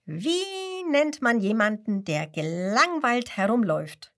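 A woman voicing a cheeky male hand-puppet clown in a children's storybook reading, loud, high and bouncy as he cracks jokes. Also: sing-song, slow pace, full character voice. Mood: jolly.

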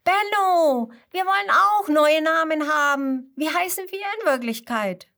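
A woman voicing the cheerful sheep of a flock in a children's story, calling out in a high voice. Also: animated, a little slow, exaggerated voice. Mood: exclaiming. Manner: bright, exclaiming.

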